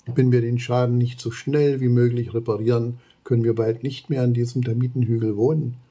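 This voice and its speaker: A man reading aloud, voicing a worried female termite queen who talks anxiously, in a husky voice. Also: medium pitch, normal speed, dark tone, lo-fi sound. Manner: anxious, pleading.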